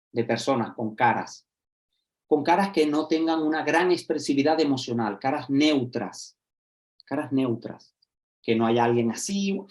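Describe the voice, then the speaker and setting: This social educator has a medium-pitched voice as he addresses other educators by video call. Animated throughout, he performs small scenes using different voices and regularly asks "¿vale?" or "¿sí?" to confirm his listeners are keeping up.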